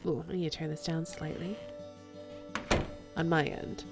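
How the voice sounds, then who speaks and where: A woman's voice: low voice, little pitch movement, unhurried, vocal fry, loud music behind the voice. A woman live streamer chatting casually and playfully over a game, with sing-song greetings.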